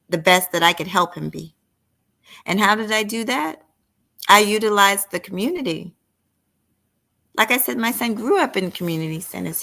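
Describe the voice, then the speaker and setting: A middle-aged woman hosting a casual late-night livestream with a gravelly, fry-laden voice and a bright, forceful edge. She sits a little low in pitch and talks straight to her viewers, reading their comments aloud and giving firm opinions. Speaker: livestream host.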